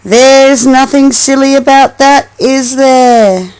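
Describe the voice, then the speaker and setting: With a high-sitting, clean voice, a mother reads a storybook slowly to her little one. She is expressive and affectionate, breaking off for coaxing asides.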